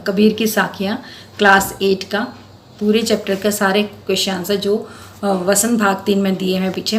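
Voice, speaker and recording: A woman's voice: medium pitch, echoey room, a little hiss or hum. A woman teacher patiently explaining a school Hindi lesson to children, step by step. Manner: addresses students affectionately as beta.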